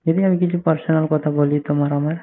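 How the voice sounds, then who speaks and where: A man's voice: on the high side, level tone, fast. A man in a casual, private chat over the telephone, in a tinny call recording.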